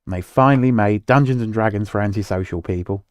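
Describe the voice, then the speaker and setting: A man's voice: on the low side, fast talker, a little mellow, smooth, no echo, studio quality. A man co-hosting a casual chat about video games, rambling and losing his words mid-sentence. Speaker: podcast co-host.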